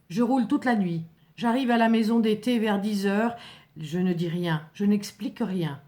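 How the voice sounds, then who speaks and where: A woman's voice: medium pitch, warm tone. Woman narrating a solemn dramatic story. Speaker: narrator reading a first-person story.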